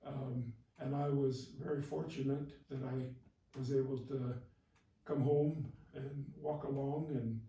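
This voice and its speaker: An older man, a war veteran, recalling his memories in a halting, reflective way during an interview. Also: mid-range voice, fairly even intonation, warm tone. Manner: old veteran remembering, halting and reflective, with long pauses. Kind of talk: recounting wartime memories in an interview. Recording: distant mic, roomy echo, background noise.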